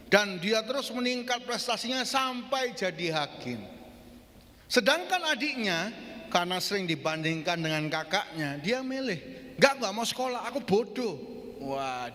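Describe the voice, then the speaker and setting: Animated preacher. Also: male voice, a little high, in a large hall. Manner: animated storyteller, addresses the congregation often. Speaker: pastor. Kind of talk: sermon with storytelling. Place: church in Surabaya.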